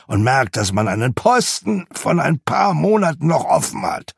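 A man's voice: on the high side, very animated, moderate pace, creaky, husky, no echo, clean studio sound, pitched above the performer's own voice, full character voice. A man voicing a grumpy, miserly old man who snarls out scornful outbursts. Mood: ranting.

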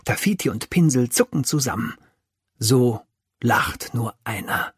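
A man narrating a children's audiobook, telling the story slowly and with life. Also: medium pitch, slightly rough, dry recording, studio quality. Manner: slow, lively storytelling.

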